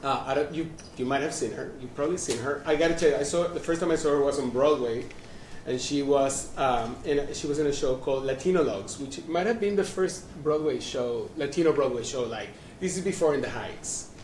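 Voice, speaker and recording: A male panel moderator speaks in a medium-pitched, slightly mellow voice at a fairly quick pace while introducing guests at a live museum panel. He rambles chattily with many restarts, and the live-stream recording sounds distant and roomy with faint noise.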